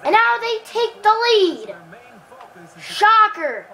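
A woman giving excitable live commentary while playing a football video game, cheering and groaning at the plays and chatting to viewers. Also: extremely high pitch, slow, low-quality recording.

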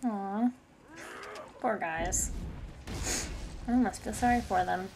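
Gravelly-voiced woman rambling over gameplay. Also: medium pitch, slow pace. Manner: rambling, chatty, sometimes murmurs. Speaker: gaming video host. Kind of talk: casual gameplay commentary.

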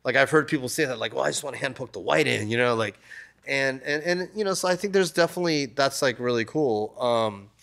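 An American tattoo artist in his thirties, appearing as a guest, chats in a relaxed, rambling interview full of "like" and "you know." His medium-pitched voice is a little fast and creaky, picked up by a desk mic on a stand in a shop.

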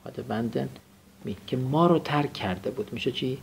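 A man's voice: mid-range voice, vocal fry, slight background noise. A young adult man teaching a classroom vocabulary lesson, explaining grammar and having students repeat phrases after him. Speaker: English teacher.

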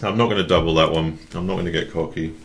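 Excitable man streaming a game. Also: deep voice, quick pace, gravelly, slight background noise. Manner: excitable, swearing, talking to the chat. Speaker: gambling streamer. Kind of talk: live-stream commentary.

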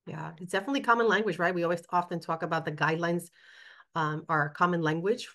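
Reading chat comments and thinking out loud, this New York woman, once a principal, co-hosts a webinar discussion by video call. She talks fast in a voice on the low side, fairly bright, with fairly even intonation.

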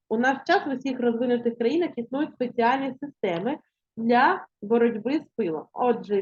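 Woman teacher, fairly high voice, slow careful dictation, muffled lo-fi sound. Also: warm tone, slightly rough. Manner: slow, deliberate dictation, stressing syllables. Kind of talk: classroom language lesson. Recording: muffled lo-fi recording.

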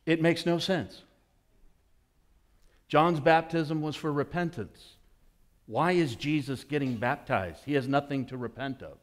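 A middle-aged man preaching a sermon as pastor, telling a story and now and then bursting into excited shouts. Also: on the high side, measured pace, pauses often. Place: church sanctuary.

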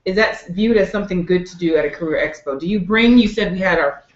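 Brief: engaged female interviewer, mid pitch, echoey dull sound. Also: quick pace. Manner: engaged, asks questions and sums up answers. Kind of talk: interview questions.

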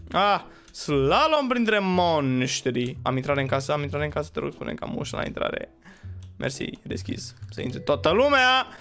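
A man commenting on his own gameplay as a channel host, excitable and quick to yelp and shout at his in-game pets. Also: fairly high pitch. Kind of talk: let's play commentary.

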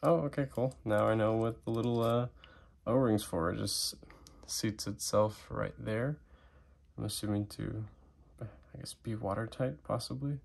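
Relaxed, chatty male vlogger with a deep, fry-heavy voice, thinking aloud as he unboxes. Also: measured pace. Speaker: knife and gear reviewer. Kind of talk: casual unboxing vlog.

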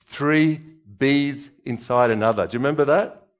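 A Czechoslovakia-born man in his forties preaches a conversational sermon from a church stage, moving about and asking the audience questions. He wears a headset mic. His voice is mid-range and his pace moderate.

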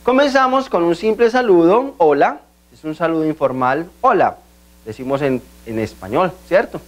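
High-voiced man teaching a language lesson. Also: lively intonation. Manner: slow, deliberate pronunciation drills with frequent "¿cierto?" check-ins.

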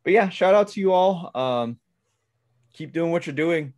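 A young man co-hosting a casual sports podcast, excitable and quick to exclaim, often restarting his sentences. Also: on the high side, no room sound, clean studio sound. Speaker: podcast co-host.

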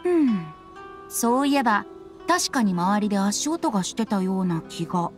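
With background music playing underneath, a woman gives voice to a carefree, playful young male bard from an anime game. It's Japanese game voice acting, delivered in a breezy, teasing, theatrical way at a moderate pace, her medium-pitched voice near her everyday tone but swinging widely in pitch.

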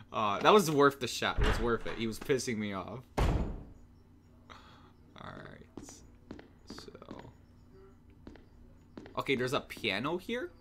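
A man's voice: medium pitch, wildly swooping pitch, slow pace, gravelly, pauses often, over loud music. A man giving casual, jokey gameplay commentary, laughing often and swearing casually. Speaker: let's play gamer.

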